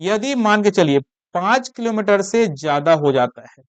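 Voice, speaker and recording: Young male coaching teacher, raised pitch, coughing through a repetitive exam-drill lecture. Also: lively intonation, normal speed, clear, resonant tone, no room sound. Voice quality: repeats key points, drills facts.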